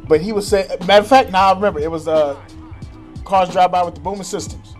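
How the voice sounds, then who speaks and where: A man co-hosting a casual podcast chat, animated and profane, laughing often. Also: sits high, fast, faint music behind. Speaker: podcast co-host.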